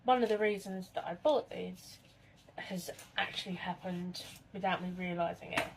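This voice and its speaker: A woman's voice: on the low side, normal speed, a little hiss or hum. A woman, chatting casually to camera in her home kitchen and telling spooky stories in a rambling way. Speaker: vlogger.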